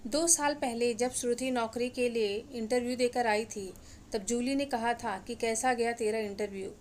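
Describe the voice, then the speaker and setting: A woman narrating a scripted moral story in an even, expository way. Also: fairly high pitch, a little slow, a little hiss or hum.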